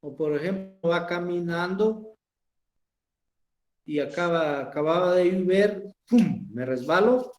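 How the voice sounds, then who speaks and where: A male teacher giving a recorded class, with a fairly high, mellow voice. He talks slowly and patiently, going back over each point and asking whether his students understand. The sound is echoey, as if in a bare room. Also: animated. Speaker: language teacher. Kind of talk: recorded online class lecture.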